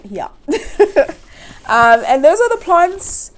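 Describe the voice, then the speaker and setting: A woman's voice: very high voice, very animated, very slow. A young woman hosting a plant channel, chatting casually while repotting, her voice nasal from hay fever, often giggling and rambling. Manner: giggly, rambling, chuckles to herself.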